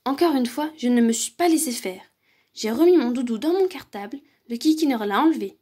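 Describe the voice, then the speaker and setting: High husky woman reading a kids' story. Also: brisk. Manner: lively, expressive storytelling. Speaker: library story reader. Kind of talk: reading a children's picture book aloud.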